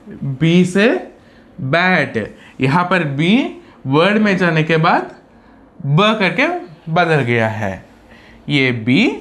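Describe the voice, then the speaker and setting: A male phonics teacher with a Hindi accent talks slowly and patiently. His pitch rises and falls in a lively, sing-song way as he asks a question and then answers it himself. He says every example twice over. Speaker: English teacher. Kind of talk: slow step-by-step phonics lesson.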